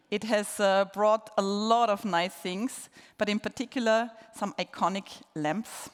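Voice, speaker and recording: A woman's voice: mid-range voice, steady tone, unhurried, clean tone. A woman heading a solar industry group, giving an enthusiastic conference speech and repeating words for emphasis. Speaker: head of a solar industry association, introducing the speaker. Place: large conference hall. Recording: long hall reverb.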